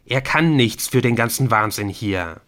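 A man's voice: mid-range voice, lively intonation, a little slow, a bit bright. A man voicing an anxious teenage boy who speaks in an urgent, pleading way.

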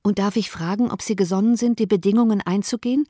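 A woman voicing a quick-witted young woman in an audiobook, pressing and earnest. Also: medium pitch, dark tone, no echo, clean studio sound, natural voice. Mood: urgent. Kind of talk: audiobook reading.

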